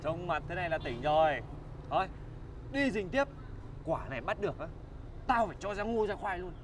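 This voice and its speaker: An actor playing a blunt, teasing friend in a comedy short. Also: male voice, high-pitched, expressive, brisk, background noise. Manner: blunt, mocking. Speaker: friend on the stakeout. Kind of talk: comedic short-film acting.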